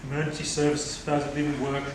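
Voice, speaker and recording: Speaking quickly in a slightly high, monotone voice, a man chats his way through moderating a public forum, with light asides to the crowd. The recording comes from a distance in an echoey, noisy lecture hall.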